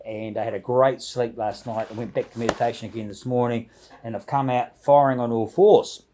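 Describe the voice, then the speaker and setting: A man's voice: mid-range voice, fairly even intonation, fairly quick, dark tone, slight background noise. A man chatting casually and ramblingly to camera as a video blogger, with a jovial, informal, slangy way of talking.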